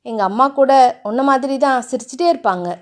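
A woman voicing a gruff, teasing young man, the hero of a romance audiobook, in a mock-threatening way. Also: high-pitched, fairly quick, close to an everyday voice. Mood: gentle.

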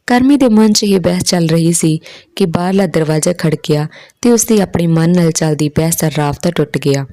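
A woman's voice: dark tone, dry recording. A woman narrating a family story from a script, lifting her voice for the characters' lines. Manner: raises her pitch for quoted characters.

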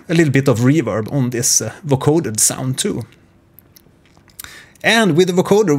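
A medium-pitched man in his forties walks viewers through music software on a screen share from his small home studio. His tutorial is informal and measured.

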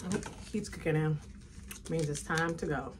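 A woman's voice: sits low, moderate pace. Woman vlogger, chatty taste-test delivery, faint room hiss behind. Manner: chatty, eating while talking, mouth full. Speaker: food vlogger. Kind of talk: casual food tasting chat.

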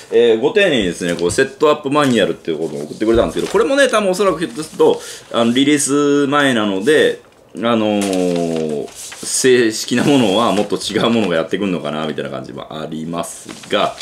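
A gadget reviewer who hosts his own channel unboxes a device in a casual review, thinking aloud and chatting with lots of fillers. He has a Kansai Japanese accent and a lowish voice, with a little hiss or hum in the audio.

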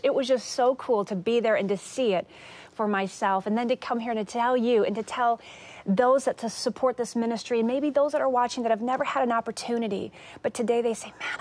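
A middle-aged woman, a talk show guest, telling her story earnestly and with animation, sometimes acting out quotes in a raised, excited voice. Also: a little high. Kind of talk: casual talk show testimony.

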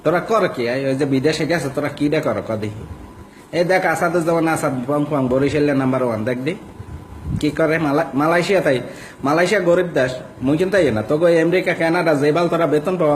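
A man's voice: a little high, fairly quick, a little hiss or hum, rough recording. Mocking man with a Barishal accent. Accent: Barishal Bengali. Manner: mocking, coarse and insulting. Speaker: social media vlogger. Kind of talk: ranting monologue.

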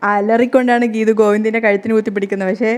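Animated woman retelling a serial plot. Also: medium pitch, racing, clean tone. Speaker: storyteller recapping a TV serial. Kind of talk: casual storytelling narration.

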